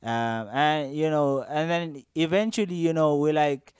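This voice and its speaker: A man's voice: fairly high pitch, unhurried, darkish tone, smooth, no room sound, clean studio sound. A young man casually recounting to camera something that happened to him at an interview, rambling along with lots of fillers and restarts.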